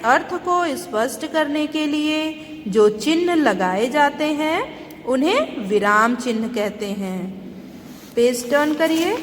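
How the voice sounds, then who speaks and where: A woman's voice: sits high, a bit bright, in a large hall, a little hiss or hum. A woman teaching a primary school Hindi lesson to children, explaining patiently step by step and asking the class questions.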